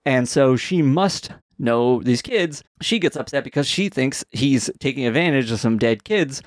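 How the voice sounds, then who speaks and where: A man's voice: mid-range voice, animated, moderate pace, no echo. A man co-hosting a podcast, recapping a TV episode in a laid-back, chatty way with frequent laughs. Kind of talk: casual chat.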